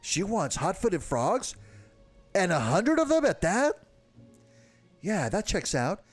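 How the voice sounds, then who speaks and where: A man's voice: sits high, huge pitch swings, takes it slowly, soft background music, pitched above the performer's own voice, exaggerated voice. Man playing a nervous lovesick guard, flustered, blurts then backpedals, bouncy intonation. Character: lovesick nervous young male village guard. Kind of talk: reading game dialogue aloud.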